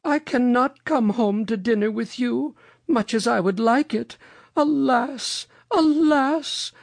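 A reader voicing Mother Goose, a kindly old storybook lady with a dramatic, drawn-out way of exclaiming. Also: medium pitch, gravelly, no echo, studio quality, voice pushed up. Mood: lamenting.

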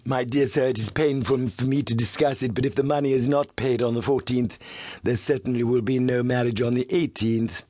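A man's voice: mid-range voice, steady tone, a little fast, dark tone, no echo, pitched above the performer's own voice, close to an everyday voice. A man doing a suave, purring blackmailer. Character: smooth, suave middle-aged male blackmailer, complacent.

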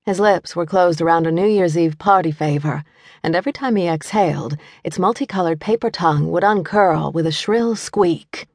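A woman reading a mystery audiobook in clear, even scripted narration. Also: fairly low pitch, moderate pace, no room sound, clean studio sound. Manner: clear, even storytelling, playful voices for the mother.

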